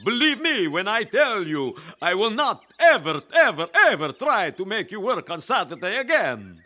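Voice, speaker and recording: A man's voice: high voice, big pitch swings, moderate pace, sharp tone, exaggerated voice. A man voicing a pompous squire who owns a mill, bossy and then wheedling and apologetic. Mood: eager.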